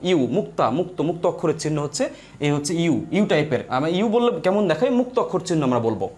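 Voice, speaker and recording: Fast, high-voiced male teacher. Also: darkish tone. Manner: explains step by step, repeats points, addresses viewers as brother. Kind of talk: live online grammar lesson.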